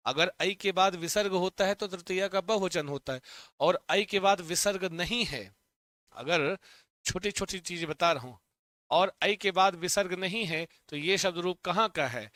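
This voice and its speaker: A man teaching a Sanskrit lesson online, chanting word forms in a steady rhythm and urging students to repeat them aloud. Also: high-pitched, unhurried, no echo. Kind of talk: online exam-prep lesson.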